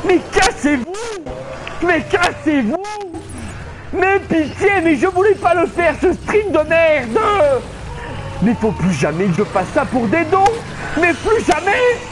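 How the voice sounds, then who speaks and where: A man giving excitable let's play commentary, panicking and swearing at the game while he plays. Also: very high voice. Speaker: gamer streaming a playthrough. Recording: game noise behind the voice.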